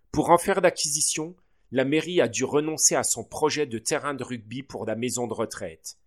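A man voicing a pompous school director in a storybook reading, raising his pitch and booming proudly.

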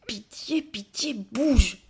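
A woman voicing a frightened young orphan boy who cries and pleads in high, tearful bursts. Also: flat delivery, normal speed, dark tone, close to an everyday voice. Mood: panicked pleading.

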